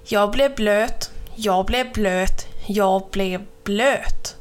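A woman voicing a grumpy, fussy male crow who mutters and complains slowly. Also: mid-range voice, soft background music, close to an everyday voice. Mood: grumbling.

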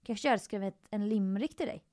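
A woman speaking as a guest in a casual, joking podcast chat, playful and full of quick asides. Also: mid-range voice, darkish tone.

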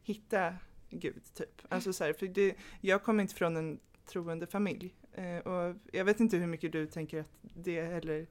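A young woman co-hosting a podcast, asking questions thoughtfully and slowing down as she searches for words. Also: on the low side, steady tone, darkish tone. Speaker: podcast host. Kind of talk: casual chat.

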